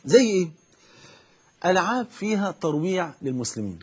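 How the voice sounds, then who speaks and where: Man, Egyptian accent, preacher, fatherly, fervent, husky, high-ish voice. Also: big pitch swings, brisk, darkish tone. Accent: Egyptian Arabic. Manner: fervent, fatherly, keeps saying "my dear". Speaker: preacher hosting a call-in show. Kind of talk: religious talk and advice.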